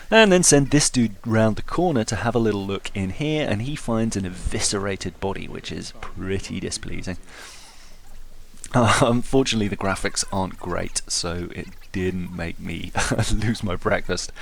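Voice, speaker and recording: Hungover man, lowish voice, casual game commentary. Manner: stumbling over words, self-correcting. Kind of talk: casual let's-play commentary.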